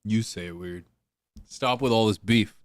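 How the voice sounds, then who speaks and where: Low-voiced male streamer in loose chat. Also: measured pace, dry recording, clean studio sound. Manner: loose, rambling, swearing, with restarts. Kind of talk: casual chat. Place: home streaming setup.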